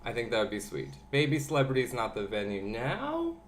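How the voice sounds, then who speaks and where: A man's voice: mid-range voice, huge pitch swings, normal speed, a little hiss or hum. Campy sassy male podcast host. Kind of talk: casual podcast chat.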